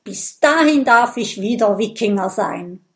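A woman's voice: mid-range voice, expressive, unhurried. A woman voicing a cheerful, boastful male Viking warrior in a storybook reading. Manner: jolly, cheerful.

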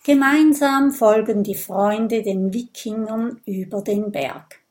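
Brief: slow, calm female narrator for a kids' audiobook. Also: a little high.

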